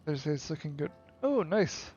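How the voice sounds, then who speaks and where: A man's voice: fairly high pitch, sing-song, moderate pace, a little mellow, muffled recording, soft background music. A man live-streaming a building game, casually chatting with and teasing his viewers.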